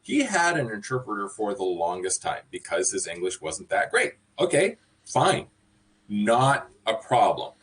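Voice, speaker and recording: A man's voice: on the low side, measured pace, rough recording. Chatty American man hosting a podcast. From California, USA. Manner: animated, reflective, frequent restarts. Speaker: podcast host. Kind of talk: casual podcast chat.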